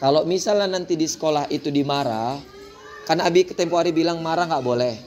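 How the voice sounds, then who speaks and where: A man, a kindergarten teacher giving a lively talk to parents and often addressing the mothers. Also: a little high, quick pace. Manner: animated, mimics children's voices, keeps addressing the mothers.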